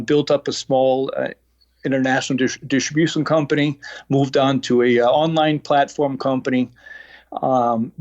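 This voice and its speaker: A man from New York with a faint New York accent, a lean coach talking as a podcast guest in a halting way, full of fillers and restarts. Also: medium pitch, a little mellow, no room sound, muffled recording. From New York, United States. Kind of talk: casual interview talk.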